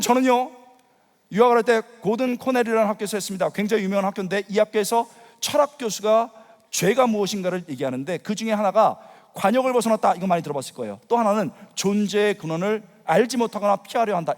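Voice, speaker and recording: A middle-aged man preaching to young people in a large church, telling his story with lively acted outbursts. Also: high voice, fast talker. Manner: animated storytelling, acting out his younger self with sudden loud outbursts. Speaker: pastor preaching at a youth worship rally. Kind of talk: sermon. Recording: long hall reverb.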